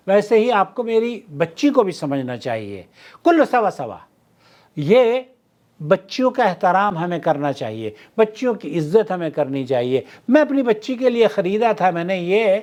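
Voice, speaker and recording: A man hosting his channel, explaining things in a casual talk and filling pauses with drawn-out "aa" sounds. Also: high voice. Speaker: channel host.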